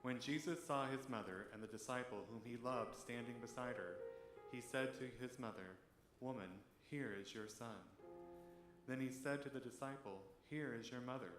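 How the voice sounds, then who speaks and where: A man's voice: medium pitch, moderate pace. A man reading a scripture passage aloud in a church service. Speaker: scripture reader. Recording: echoey church hall with guitar music.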